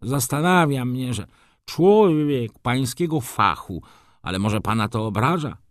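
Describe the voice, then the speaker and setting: A man voicing a vain, flustered nobleman in an audiobook, talking in a shrill, fussy voice. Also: very animated, slow, darkish tone, no echo, clean studio sound. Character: shrill vain old-school male baron.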